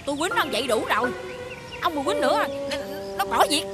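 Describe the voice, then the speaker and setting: A woman's voice: high voice, very animated, fairly quick, loud music behind the voice. A woman voicing a stingy, bad-tempered rich old wife in a cartoon, scolding and nagging. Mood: complaining. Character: shrill bossy rich old wife, stingy and quick to anger. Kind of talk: animated cartoon dubbing.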